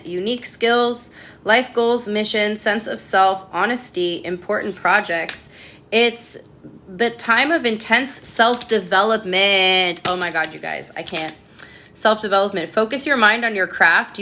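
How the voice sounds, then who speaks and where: A passionate young woman reads tarot for her viewers, ranting and chatting freely as she goes. Her voice is bright and sharp. A faint noise sits behind it. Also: mid-range voice. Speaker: tarot reader. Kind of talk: casual tarot reading answering live chat.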